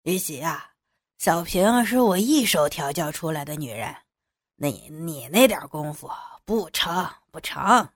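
A woman plays a boastful older man of rank in an audio drama, speaking in a lowered, drawling tone with lazy laughter. The sound is dry and close. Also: expressive, measured pace, breathy edge, dry recording, full character voice. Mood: smug. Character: older male official, leering and boastful.

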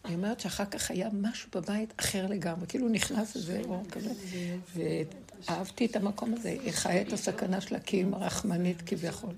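A middle-aged woman giving a spiritual lesson to a group, telling stories in a lively way and laughing between points. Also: medium pitch, vocal fry, crowd noise. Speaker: religious teacher.

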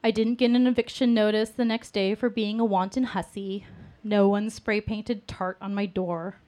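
A woman telling a candid personal story to an audience in a self-mocking, lively way. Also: medium pitch, normal speed.

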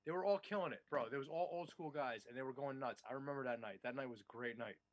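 A man's voice: mid-range voice, fast talker, no echo, dull audio. A man who owns a comedy club, talking in emphatic, profane banter and often repeating himself.

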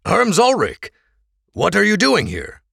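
A man voicing a tense, guarded young man who is quick to anger. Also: high-pitched, wildly swooping pitch, gravelly, a bit bright, husky, no echo, studio quality, pitched above the performer's own voice, exaggerated voice. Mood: wary.

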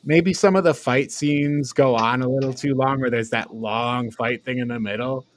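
Speaking at a moderate pace in a steady, medium-pitched voice, this man is a podcast panelist in a laid-back film review discussion. He talks informally and tends to chuckle and swear.

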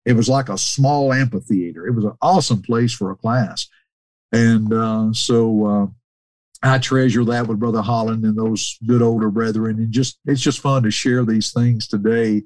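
A man's voice: lowish voice, steady tone, normal speed, a little mellow, dry recording. A man telling casual stories, often restarting sentences and raising his voice to mimic the people he quotes. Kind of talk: casual anecdotal storytelling.

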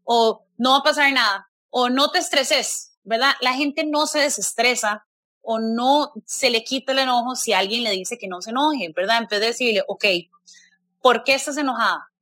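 A woman speaks in a bright, forceful voice with a dry, close sound. Her pitch sits a little high. She talks earnestly in a casual conversation, often closing thoughts with "¿verdad?". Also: normal speed, dry recording. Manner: earnest, tagging sentences with "¿verdad?" and "o sea".

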